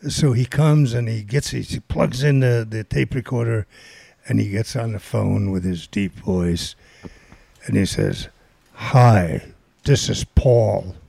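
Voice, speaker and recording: An older man spins a loose, rambling story in a gravelly, husky voice. His tone is dark and mellow, and the recording is dry and close, with no room sound. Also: fairly low pitch, a little slow, dry recording. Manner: rambling, filler-heavy storytelling. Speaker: guest storyteller. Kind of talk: casual anecdote.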